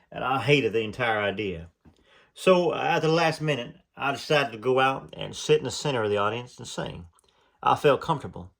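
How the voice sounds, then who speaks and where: A channel host with a mid-range, creaky voice reads earnestly from a memoir. Every so often he pauses for hesitant, chatty asides.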